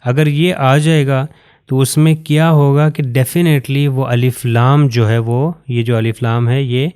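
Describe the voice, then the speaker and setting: A man from Pakistan, teaching Quran recitation patiently and step by step, pointing to written examples and slowing down to recite phrases carefully. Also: medium pitch, fairly even intonation, a little mellow, smooth. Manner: slows down to recite Arabic phrases with care. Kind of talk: recorded lesson explaining to learners.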